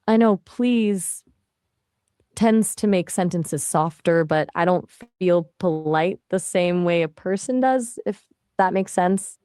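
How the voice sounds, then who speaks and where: This fairly low synthetic female voice belongs to an AI assistant who answers questions in a relaxed, conversational way, chatting with casual fillers. She takes her time, with a dark, smooth tone. The sound is close and dry, with no echo or room around it.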